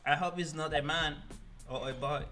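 A man's voice: fairly high pitch, steady tone, moderate pace, pushed and bright, faint music behind. A man hosting a trolling video chat, teasing and flirting in a playful put-on persona, talking through a gaming headset in a small bedroom. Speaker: prank video chat host.

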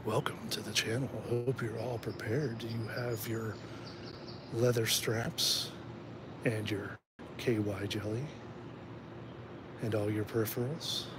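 A man voicing a sultry late-night male radio host, speaking in a low, hushed, drawn-out way. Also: steady tone, background noise.

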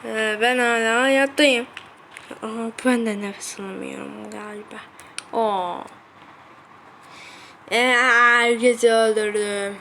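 High-voiced woman acting out a game skit, drawls slow, panicky yells, noisy recording. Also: fairly even intonation, vocal fry. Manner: panicky yelling and frequent slang exclamations. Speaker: channel creator voicing game characters. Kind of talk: acted sandbox game skit.

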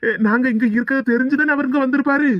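A woman's voice: sits high, steady tone, rapid-fire, no echo, lo-fi sound, lightly acted. A woman voicing a nervous young man hiding from a feared uncle, speaking hesitantly with a Tirunelveli accent in a cartoon. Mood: anxious. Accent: Tirunelveli Tamil. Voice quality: hesitant, many fillers.

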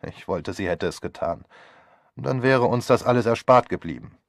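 A man's voice: mid-range voice, lively intonation, normal speed, creaky, no echo, studio quality. A man reading an audiobook voices a flippant young man who talks in a breezy, sardonic way. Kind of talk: audiobook character voice.

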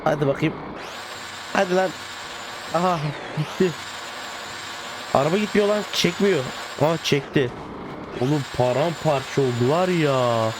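A man giving casual gameplay commentary as a gaming video host, excitable and joking, playfully swearing and talking to the cars. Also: on the high side, measured pace, pauses often. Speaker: gaming YouTuber. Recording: game car sounds in the background. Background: game engine and car noise.

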